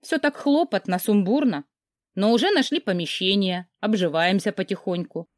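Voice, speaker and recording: A woman narrating a novel in the first person, in an expressive, lively storytelling way. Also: medium pitch, normal speed, no room sound, clean studio sound. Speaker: audiobook narrator.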